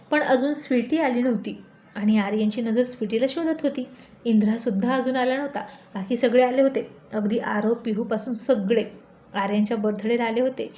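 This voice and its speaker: Higher-voiced woman telling a family story. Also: dark tone. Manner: voices each family member in turn. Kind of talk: scripted family story narration.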